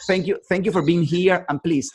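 A man hosting an online interview, friendly and halting, often repeating words. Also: high-pitched, fairly even intonation, darkish tone. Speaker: host.

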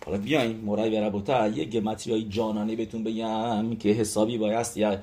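A man's voice: lowish voice, flat delivery, dark tone. Emphatic man teaching a religious lesson. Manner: emphatic, repeats key words, checks in with listeners. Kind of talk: religious lesson on letter numerology.

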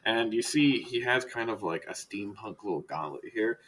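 A man's voice: fairly low pitch, lively intonation, normal speed, a bit bright. A man narrating a tabletop game as game master in a casual manner with many fillers.

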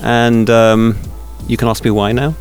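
With faint music behind him, the Swiss guest who organizes a radio festival chats through anecdotes and tangents, using fillers and restarting sentences. His medium voice is measured and shows little pitch movement.

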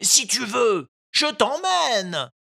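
Woman voicing a kindly, chatty pigeon in a storybook, high calls, lively and dry. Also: extremely slow, gravelly, exaggerated voice. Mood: friendly. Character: big kindly pigeon, talkative and helpful.

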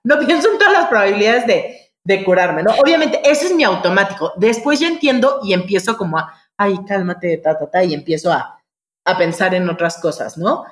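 A woman with a Mexican accent, a mother, talking as a guest in a casual conversation, lively and storytelling, insisting things are true. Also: mid-range voice, fairly quick. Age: adult mother. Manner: animated, storytelling, keeps swearing it's true.

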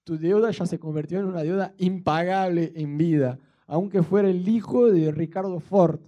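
A man's voice: high voice, warm tone. A man with an Argentine accent preaching a sermon in a playful, colloquial way, mixing jokes into his teaching. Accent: Argentine Spanish.

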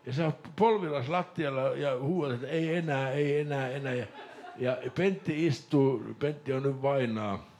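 A man from Lapland telling a lively story on a casual podcast, laughing and mimicking voices along the way. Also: mid-range voice, a little hiss or hum. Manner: animated storyteller, laughs and mimics voices, shouts when excited. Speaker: podcast host.

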